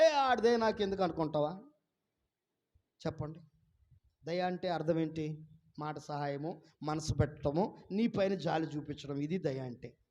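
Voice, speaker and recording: A male pastor with a high-pitched voice preaches to his congregation. He keeps firing questions at them and pressing them to call out their answers. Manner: fires rhetorical questions at the congregation; urges listeners to answer loudly. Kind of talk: sermon. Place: church before a congregation.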